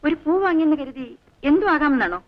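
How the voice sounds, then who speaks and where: A prim young woman scolding a forward admirer in an old film. Her high voice is sharp with indignation, heard through a dull, muffled soundtrack. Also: lively intonation, quick pace. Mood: indignant. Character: proper young woman annoyed by a suitor. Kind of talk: 1980s film dialogue.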